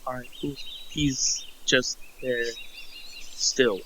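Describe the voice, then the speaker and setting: A man narrating as game master in a tabletop game, with a halting, stammering delivery. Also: mid-range voice, fairly even intonation, pushed and bright, a little hiss or hum, poor audio.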